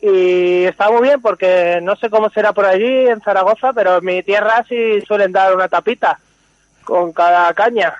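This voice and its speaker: A man calling in over the phone to a live radio show, chatting in an easygoing, halting way with many fillers. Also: high-pitched, no echo. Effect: over the phone, live call into a radio show. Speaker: caller. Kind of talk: casual chat. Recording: dull, muffled phone-line sound.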